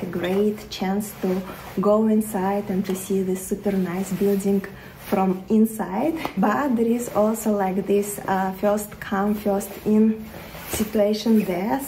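Chatty woman vlogging with a mellow voice. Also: mid-range voice, reverberant, slight background noise, rough recording. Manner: chatty, enthusiastic, many fillers. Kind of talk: casual vlog talk to camera. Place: home living room, then city streets.

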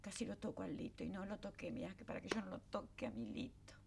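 A woman's voice: medium pitch, animated, quick pace, vocal fry, noisy background. An actress playing a fiery working-class mother, a former factory girl, speaking with a Rioplatense accent and often near tears. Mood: wistful. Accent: Rioplatense Spanish. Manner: emotional, exclaiming, voice breaking into tears. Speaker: actress in TV drama. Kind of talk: 1970s TV drama acting.

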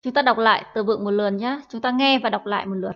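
A woman's voice: a little high, fast talker. A woman teaching English in a recorded online lesson, explaining in Vietnamese with hesitant fillers and repeating words for practice. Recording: dull lo-fi audio.

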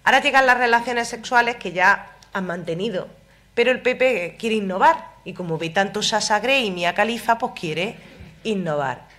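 A middle-aged woman giving a talk, telling a story and acting out its dialogue in lively colloquial voices. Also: medium pitch, normal speed. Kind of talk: storytelling lecture.

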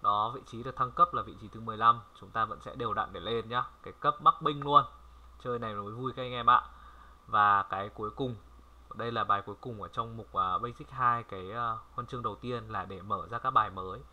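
A man from Vietnam giving a casual language lesson, chatty and repeating words slowly for viewers to copy. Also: on the low side, fairly even intonation, narrow, tinny audio. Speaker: French language tutor. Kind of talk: casual screen-recorded lesson.

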